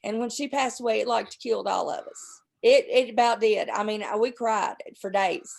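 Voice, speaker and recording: A woman's voice: a little high, fairly even intonation, normal speed, gravelly. Stuffy-voiced woman ranting on a stream. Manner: profane, heated, rambling. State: stuffy, sore throat from a cold. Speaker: livestream host. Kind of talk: casual chat and angry rant.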